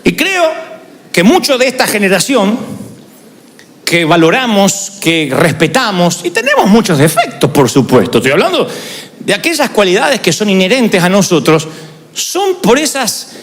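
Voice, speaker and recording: A man's voice: sits high, normal speed, in a large hall. A middle-aged man preaching a sermon and mixing humor with personal stories. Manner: animated, humorous storytelling. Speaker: pastor.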